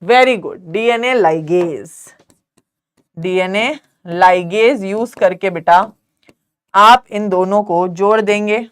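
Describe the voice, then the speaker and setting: A young woman teaching biology in a live online class, mixing English terms into Hindi, quizzing students and asking whether it is clear. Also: medium pitch, drawn-out words, pauses often. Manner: calls students "beta", quizzes them, asks if it's clear.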